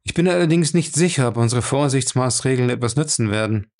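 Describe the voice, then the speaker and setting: A man's voice: mid-range voice, expressive, fairly quick, darkish tone, close to an everyday voice. A man reading a curt commanding captain. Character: commanding brisk male captain.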